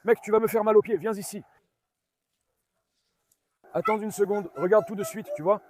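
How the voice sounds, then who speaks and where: Outdoors in a farmyard, a man with a noticeably high voice films a casual vlog at his farm. Speaking at a moderate pace, he chats to viewers while coaxing and calming his dogs, which can be heard around him. There is no room sound.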